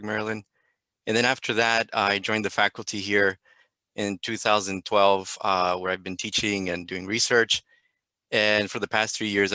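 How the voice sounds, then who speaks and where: A man from West Texas speaks in a lower register, his voice bright and forceful over a close, dry video-call mic. He introduces himself to a panel audience in an unhurried way, pausing now and then as he thinks. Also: no room sound. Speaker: chemistry professor and panelist.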